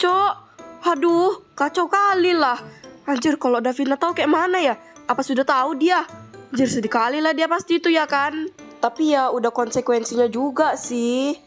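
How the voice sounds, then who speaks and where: A woman's voice: sits high, brisk, soft background music, lightly acted. A woman voicing Nes, a blunt, slangy teenage schoolgirl who loves gossip. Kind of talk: casual role-play drama voices.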